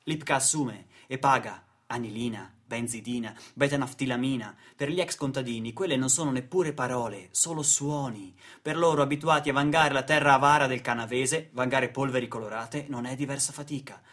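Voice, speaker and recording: A man narrates dramatic radio theatre from a script, using a solemn, theatrical style of short, heavy phrases. He's a narrator and stage actor whose mid-range, slightly bright voice runs a little fast with few pauses.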